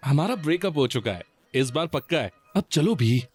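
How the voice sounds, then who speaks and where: A man voicing an earnest young boyfriend in an animated story, pleading and insistent in his delivery. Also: fairly high pitch, normal speed. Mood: coaxing.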